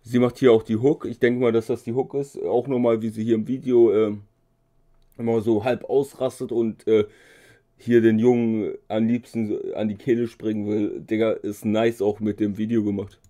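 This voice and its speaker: A man with a dark, mellow voice reacts to a rap song in a relaxed, slangy way. He rambles a little and fills pauses with hesitation sounds. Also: fairly low pitch. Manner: slangy, loose, lots of filler sounds. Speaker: music reaction host. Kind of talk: casual reaction commentary.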